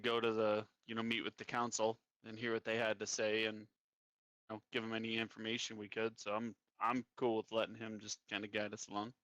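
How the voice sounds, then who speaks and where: A man chats casually during a tabletop game, full of filler words. His voice is low and sounds dry and close. There is no echo around him. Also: completely flat delivery, fairly quick, a bit bright. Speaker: player. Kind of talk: casual chat.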